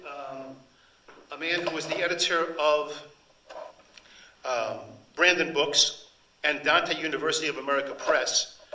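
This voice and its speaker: An older man, an author and translator who grew up speaking Sicilian, tells wandering anecdotes at a book event, often starting over. His voice runs on the high side, sounding pushed and bright. Recorded from far away in an echoey event hall, with a little hiss or hum.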